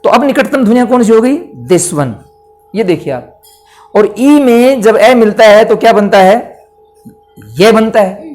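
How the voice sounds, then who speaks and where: Guy teaching grammar for exams, slow and patient, keeps asking questions then answering them. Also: sits high, animated, a little mellow, soft background music. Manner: patient, explains step by step with questions to the listener. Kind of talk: Hindi grammar lesson for exam prep.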